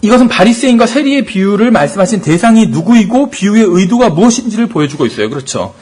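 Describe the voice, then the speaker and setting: A man's voice: high-pitched, big pitch swings, fast talker, a little mellow, husky. A man teaching a Bible study class as pastor, explaining points and asking rhetorical questions.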